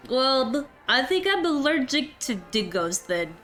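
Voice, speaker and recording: A woman's voice: high voice, sing-song, a little slow, fairly bright tone, faint music behind, exaggerated voice. A woman playing a sassy, bossy eight-year-old in a tabletop game, with smug, blunt, childlike delivery. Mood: whiny excuses.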